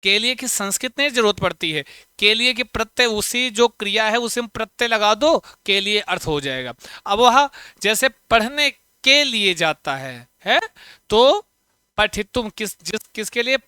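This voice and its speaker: A man teaching a Sanskrit grammar lesson for exams, chanting sound patterns and firing quick questions at students. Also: high voice, animated, bright, forceful tone, smooth, no echo, clean studio sound. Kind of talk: online exam-prep lesson.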